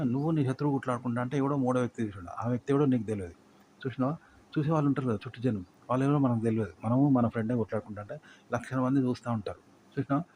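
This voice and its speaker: A man's voice: mid-range voice, darkish tone, slight background noise. A man giving informal advice, asking rhetorical questions and using plain folksy examples. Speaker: YouTube advice teacher. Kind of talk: informal tutorial talk.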